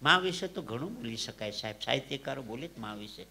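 A man from Saurashtra, telling comic stories live on stage into a microphone. His delivery swings from hushed asides to loud punchlines. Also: medium pitch, animated, fast talker. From Saurashtra, Gujarat. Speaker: stage comedian and storyteller. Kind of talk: live folk comedy storytelling.

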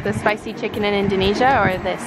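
A woman's voice: medium pitch, fairly even intonation, fast talker, loud music behind the voice, low-quality recording. A woman in her twenties chatting casually in a teasing way, as a vlogger does. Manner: teasing, giggly. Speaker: travel vlogger behind the camera. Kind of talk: casual chat. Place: outdoors at roadside food stalls. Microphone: handheld camera, close or at arm's length. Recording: loud street and traffic noise.

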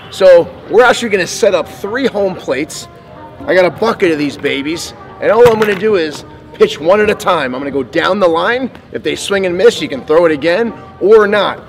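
Excitable high-voiced baseball coach. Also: male voice. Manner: excitable, exclaims at each hit. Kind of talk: on-field coaching demo with play-by-play. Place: large indoor sports training facility. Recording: music playing underneath.

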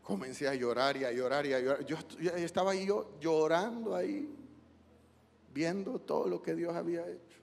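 A male pastor preaching an emotional sermon in a church, swinging from hushed lines to loud cries. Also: fairly high pitch, moderate pace, creaky, long reverb tail. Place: church sanctuary.

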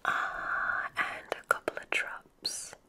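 A woman performs an ASMR roleplay as a witch examiner, whispering breathily. She is gentle, soothing, deliberate and encouraging.

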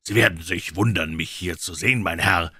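A man reading an audiobook and voicing a fawning old male bookseller with a croaking voice. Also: low voice, moderate pace, bright, forceful tone, no room sound, studio quality, heavily acted. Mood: ingratiating.

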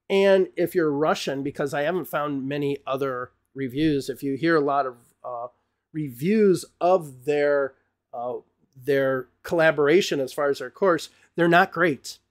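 Speaking into a desk podcast mic right in front of him, a middle-aged male English teacher who hosts a channel rants to camera with emphatic opinions and repeated words. His voice is higher-pitched, English is his first language, and he gestures broadly in his small indoor studio with bookshelves.

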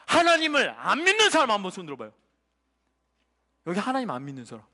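With a fast, sharp, high-pitched voice that swings hugely in pitch, a male pastor tells a story to children during a sermon and quizzes them along the way. The sound carries church hall reverb from the sanctuary.

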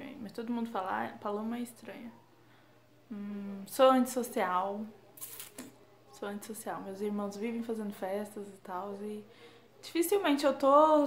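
Chatty young woman vlogger, echoey room. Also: fairly high pitch. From Brazil. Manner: chatty, self-deprecating, quick asides. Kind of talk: casual chat. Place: home.

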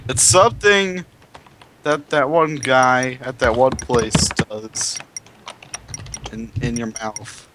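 A man's voice: mid-range voice, slow, pauses often, noisy background. A man with a slightly cracked voice chatting casually and giggling often while he draws in an online game.

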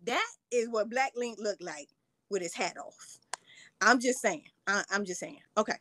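A woman's voice: mid-range voice, measured pace, pushed and bright, slight background noise. A middle-aged woman hosting a casual livestream, playfully teasing and talking straight to her viewers. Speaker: livestream host.

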